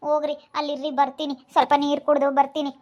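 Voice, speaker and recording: A woman's voice: high voice, monotone, racing, muffled recording, natural voice. A woman playing a young married wife who pleads with and curses her brother-in-law in an amateur village drama. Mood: protesting. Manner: pleading, then cursing angrily.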